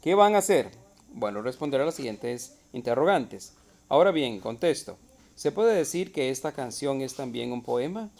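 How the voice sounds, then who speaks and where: A man's voice: mid-range voice, big pitch swings, moderate pace, creaky, darkish tone. A male teacher explaining a literature lesson step by step, asking rhetorical questions. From Costa Rica.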